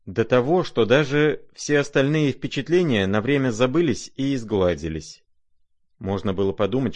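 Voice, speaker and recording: A man narrating a classic novel as an audiobook, measured and expressive. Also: fairly low pitch.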